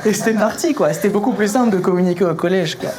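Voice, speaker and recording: High-pitched young man doing fast stand-up. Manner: animated storytelling, acting out dialogue; colloquial, slangy. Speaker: stand-up comedian. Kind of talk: punchy stand-up comedy. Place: live comedy venue. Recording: live show recording with clear noise.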